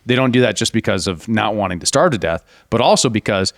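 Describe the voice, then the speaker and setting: On a casual political podcast, this co-host talks fast in a lowish, expressive voice, laying out explanations in long runs and raising his voice to mock opponents. The sound is studio quality with no room sound.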